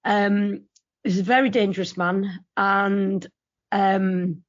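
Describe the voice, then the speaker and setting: Speaking slowly with little pitch movement, this UK-born founder and CEO sits in as a podcast guest for a relaxed interview chat. She's friendly, quick to laugh, and fond of telling stories. Her medium-pitched voice comes through dull audio with no echo.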